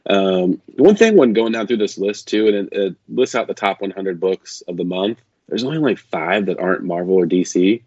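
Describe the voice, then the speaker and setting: A man's voice: low voice, lively intonation, moderate pace, a little mellow, husky, dry recording. A male podcast host chatting casually from a makeshift travel setup, his voice slightly robotic and metallic. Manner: easygoing, chatty, many fillers and restarts. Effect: slightly robotic, metallic-sounding voice. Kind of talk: casual chat. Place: away from home at a conference. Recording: dull, dry lo-fi sound.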